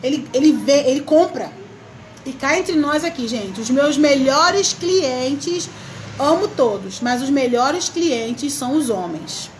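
A woman's voice: high voice, lively intonation, slow, slight background noise. A chatty woman hosting a crafts live stream, greeting viewers by name and laughing often. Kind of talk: casual live chat.

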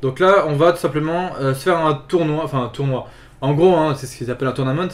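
A man casually commenting on his own gameplay, chatty and full of fillers, with excited yelps when the fighting gets hot. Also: on the high side, fast. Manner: chatty, filler-heavy, repeats "tout simplement". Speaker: gaming video host. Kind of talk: casual let's play commentary.

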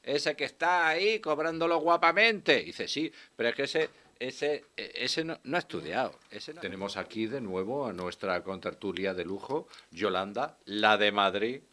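A man's voice: medium pitch, moderate pace. A man in his sixties hosting a radio show, delivering a sardonic, swearing comic monologue and bantering with a guest in a small studio. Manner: sardonic, animated, swears freely. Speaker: radio host. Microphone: studio mic with headphones.

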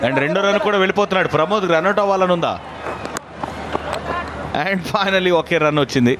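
Indian male cricket commentator, loud background noise. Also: high voice, brisk. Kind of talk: live play-by-play cricket commentary. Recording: very noisy outdoor broadcast ambience.

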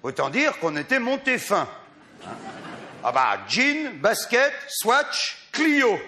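A male stand-up comedian in a loud, teasing monologue, addressing the audience on a live stage. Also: high-pitched, wildly swooping pitch, slight background noise. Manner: boisterous, teasing the audience, drawn-out exaggerated delivery.

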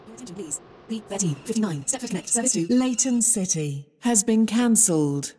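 A woman's voice: mid-range voice, lively intonation, a little fast, dark tone. A woman's voice over a station PA system makes clipped, formal platform announcements. Her voice echoes with a long hall reverb and carries a faint background hiss.

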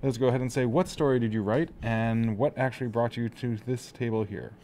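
A man's voice: mid-range voice, a little fast, dark tone. Joking male interviewer, faint hiss. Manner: joking, teasing, rambling questions. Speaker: interviewer host. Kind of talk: casual interview. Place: author venue room.

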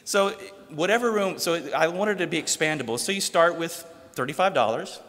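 Man, slightly high voice, enthusiastic tech talk, joking, long hall echo. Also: moderate pace, a bit bright, slight background noise. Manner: enthusiastic, jokey tech pitch. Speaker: conference lightning talk speaker. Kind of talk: short timed presentation to an audience. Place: conference hall. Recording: reverberant hall.

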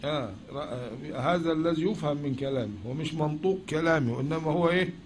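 A man's voice: a little high, fast talker, slight background noise. A man with an Egyptian accent teaching a lecture, often asking questions and then answering them himself. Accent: Egyptian Arabic. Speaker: teacher of logic. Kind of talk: classroom lecture.

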